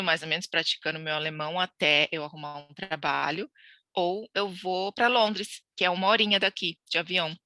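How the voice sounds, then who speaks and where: Her voice low-leaning, bright and forceful, a Brazilian woman from Santos recounts her immigration story as a podcast guest. The interview is chatty and full of laughter and restarts, recorded dry.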